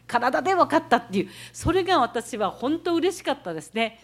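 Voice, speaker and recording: A woman's voice: high voice, sing-song, fairly quick. Woman from Tohoku giving a practical talk. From Tohoku, Japan. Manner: explanatory, walks through techniques step by step. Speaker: speaker recounting leading a student climb. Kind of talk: talk with demonstrations.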